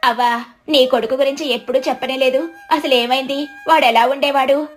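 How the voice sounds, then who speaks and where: A woman's voice: high-pitched, steady tone, faint music behind, lightly acted. A woman doing an anxious young village wife. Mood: gentle. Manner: anxious, fast, urgent. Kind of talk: storybook narration.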